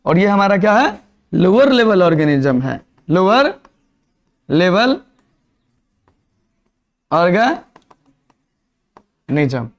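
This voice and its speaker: High-voiced man teaching a class. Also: big pitch swings, very slow, long pauses. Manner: repeats quiz questions to the class, mixes Hindi and English. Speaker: biology teacher. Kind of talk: classroom lecture.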